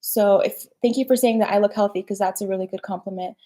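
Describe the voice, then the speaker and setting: Fast and mellow, with a steady mid-range voice, a young woman hosts a relaxed personal development live stream. Her talk is chatty and slangy, peppered with "like" and "right?".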